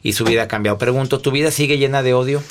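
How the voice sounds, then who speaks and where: A man's voice: medium pitch, racing. A man hosting an interview, asking his guest questions in an emphatic, playful way. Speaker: interview host. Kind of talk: conversational interview.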